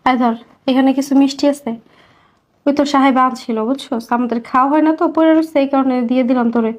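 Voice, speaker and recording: A haughty rich housewife, acted by a woman,. She scolds with open contempt, and her voice is high. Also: steady tone, quick pace, natural voice. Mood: dismissive. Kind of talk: social media skit acting.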